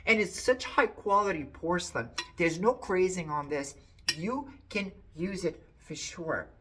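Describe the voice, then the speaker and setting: A woman's voice: on the low side, animated, measured pace, fairly bright tone, a little hiss or hum. A middle-aged woman chatting to camera about an antiques haul, repeating words for emphasis. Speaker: antiques reseller showing a haul. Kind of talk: casual chat to camera.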